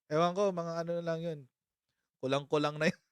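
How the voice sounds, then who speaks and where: A man's voice: fairly high pitch, steady tone, brisk, very noisy. A man hosting a casual political commentary live stream, chatty and sarcastic, often breaking into laughter and mocking his critics. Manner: sarcastic, mock-impersonates critics.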